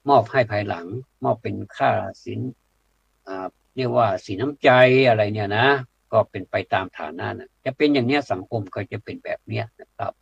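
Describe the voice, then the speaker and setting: Man, gravelly husky voice, blunt public talk, hesitant fillers, dull lo-fi dry recording. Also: mid-range voice, dry recording. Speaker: speaker addressing a community audience. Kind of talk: plain-spoken public talk.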